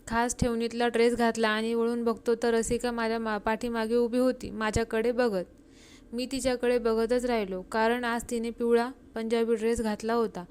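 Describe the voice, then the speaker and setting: A woman reading a heartfelt story aloud in a steady, even manner, with small slips. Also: fairly high pitch, moderate pace, clean tone. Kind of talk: story narration.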